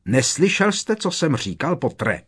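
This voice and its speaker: A man's voice: a little high, big pitch swings, fairly bright tone, breathy edge, pitched above the performer's own voice, heavily acted. A man putting on a sneering stern professor. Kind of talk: audiobook character voice.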